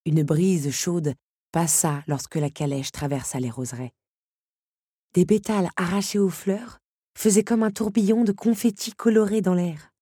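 A woman narrator reading a storybook aloud in a measured, expressive way. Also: fairly low pitch, husky, no echo, studio quality.

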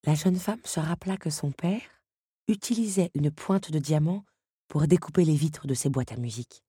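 A woman narrating an audiobook chapter with expressive, dramatic storytelling. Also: sits low, normal speed, slightly rough, dry recording, clean studio sound.

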